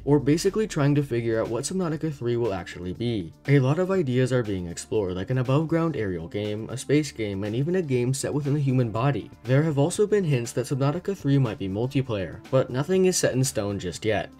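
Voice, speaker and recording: A young man reading a scripted gaming video essay in a steady, explanatory way. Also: medium pitch. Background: faint background music.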